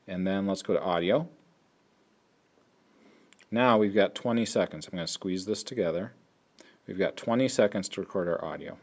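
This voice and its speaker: A man's voice: low voice, darkish tone. A man explaining an app step by step in a tutorial, thinking aloud as he works. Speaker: teacher. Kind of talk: screen-recorded app tutorial.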